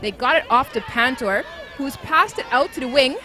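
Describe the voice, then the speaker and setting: A woman's voice: high-pitched, expressive, normal speed, a crowd in the background. A woman commentating live on a rugby match at an outdoor ground, explaining the play in an upbeat way.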